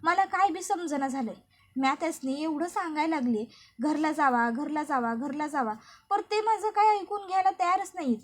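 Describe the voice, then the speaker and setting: A woman's voice: sits high, moderate pace, natural voice. A woman voicing a stubborn village woman who scolds bluntly in a rural dialect. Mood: fretting. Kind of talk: recap narration with read-out dialogue.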